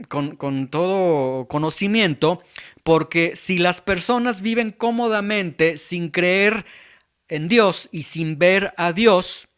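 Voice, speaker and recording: A man's voice: high voice, a bit bright. A man with a Mexican Spanish accent preaching a sermon, asking many rhetorical questions and acting out the voices he quotes.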